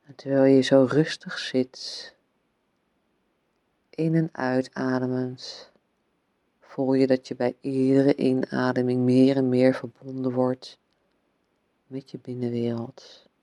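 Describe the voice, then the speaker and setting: Male meditation guide: very slow, soft, soothing delivery, close and dry sound. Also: mid-range voice, little pitch movement, no room sound. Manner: soothing, unhurried phrasing with long pauses, gently instructing.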